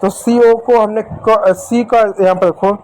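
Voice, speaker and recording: High-voiced man teaching English spelling. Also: fairly even intonation, takes it slowly, a little mellow, low-quality recording. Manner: repetitive, asks and answers own questions; addresses viewers as dear children. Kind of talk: whiteboard spelling lesson.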